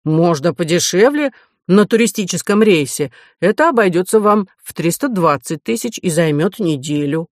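A woman's voice: lowish voice, expressive, moderate pace, a little mellow, no room sound, studio quality. A woman voicing a polite, self-assured young male swindler who talks with easy courtesy. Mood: smooth.

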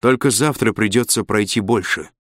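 A man's voice: lowish voice, moderate pace, no echo, studio quality, close to an everyday voice. A man voicing a practical, matter-of-fact male officer in an audiobook. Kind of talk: audiobook character voice.

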